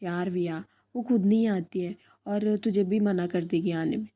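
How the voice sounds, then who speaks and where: A woman's voice: medium pitch, steady tone, moderate pace, warm tone, natural voice. A woman reading out an outgoing young female friend who speaks in an eager, chatty way.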